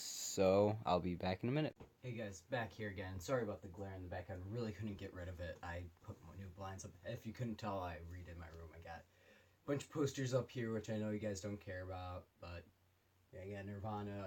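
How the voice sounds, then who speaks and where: A man gives an informal, unscripted product review. His voice sits fairly low, and he speaks loosely and conversationally, recorded on a phone camera. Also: darkish tone, slight background noise. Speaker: gas mask reviewer. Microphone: handheld phone camera.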